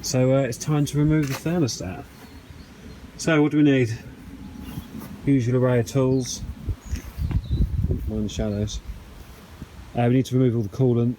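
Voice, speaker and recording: A man's voice: medium pitch, steady tone, normal speed, pauses often, noisy background. A man giving casual, self-deprecating how-to commentary as he works on a repair, thinking aloud with frequent ums. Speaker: DIY mechanic vlogger.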